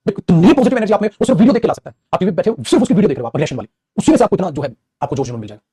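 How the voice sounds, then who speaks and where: A man's voice: high voice, sing-song, very fast, mellow, husky, no room sound, studio quality. A man teaching English grammar in a live online class, scolding and motivating his students by turns.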